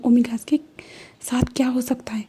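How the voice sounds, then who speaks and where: A woman voicing a cold, vengeful young man who speaks in a level, husky murmur. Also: on the high side, flat delivery, moderate pace, warm tone.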